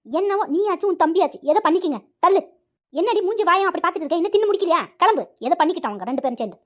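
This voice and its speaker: Woman voicing a shrill scolding village mother. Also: lively intonation, rapid-fire. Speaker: cartoon voice actor.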